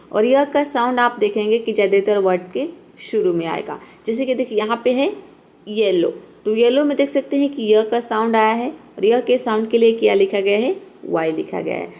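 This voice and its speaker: In a spoken English lesson, a woman patiently teaches spelling rules, repeating each point and posing questions she then answers herself. Her voice is medium-pitched, creaky and darkish.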